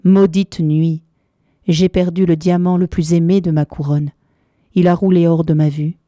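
A woman's voice: on the low side, steady tone, normal speed, warm tone, no echo, close to an everyday voice. A woman voicing an old king in a fairy tale, solemn and lamenting. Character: aged grieving king, solemn.

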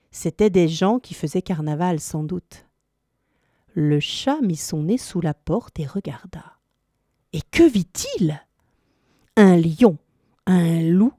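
A woman reading a children's story aloud, expressive and animated in her telling. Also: on the low side, no room sound, clean studio sound.

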